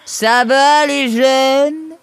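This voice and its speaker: Woman doing a slow, drawling big-pawed creature. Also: high-pitched, no room sound, pitched above the performer's own voice, full character voice. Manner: drawling, laconic.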